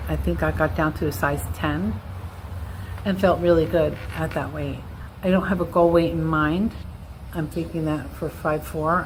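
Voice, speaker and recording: A woman's voice: lowish voice, slight background noise, low-quality recording. A woman, talking in a candid, rambling, self-deprecating way in a casual personal vlog. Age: 60s. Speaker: vlogger.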